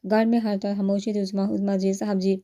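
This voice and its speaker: A woman narrates a romance novel aloud in a steady storytelling manner. Her voice is deep-toned and mellow, with no brightness at all, set at an ordinary middle pitch. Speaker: novel reader.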